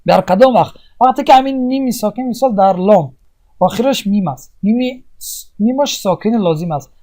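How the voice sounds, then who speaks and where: Mellow-voiced patient recitation teacher. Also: medium pitch, expressive. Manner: asks and answers own questions; explains step by step with many pauses. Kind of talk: tajweed lesson.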